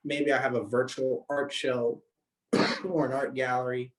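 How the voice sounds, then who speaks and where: A man's voice: medium pitch, flat delivery, measured pace, rough recording. A man speaking as a podcast guest over a video call connection, eager and prone to stumbling and repeating words as he builds a point. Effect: heard over a video call connection. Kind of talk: casual conversational interview.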